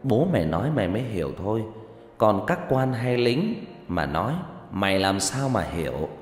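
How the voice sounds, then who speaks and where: A man doing a gruff, kindly old medium. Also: lowish voice, big pitch swings, normal speed. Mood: gruff teasing. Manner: gruff, scolding yet good-humored. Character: kindly old male spirit medium, teasing. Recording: echoey room with faint music.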